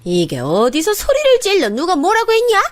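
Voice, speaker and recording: Actress doing a harsh, scornful older mother-in-law, belittling, high and swinging voice, storybook drama. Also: lively intonation, moderate pace, a bit bright. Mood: scolding. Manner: belittling, nagging, snaps at her daughter-in-law.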